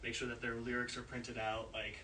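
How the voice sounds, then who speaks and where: A man's voice: medium pitch, monotone, a little fast, sharp tone, a little hiss or hum. Rambling man touring a studio. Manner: rambling, heavy on filler "like". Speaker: studio engineer giving a tour. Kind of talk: casual walkthrough explanation. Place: recording studio, indoors. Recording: roomy sound, mic at a distance.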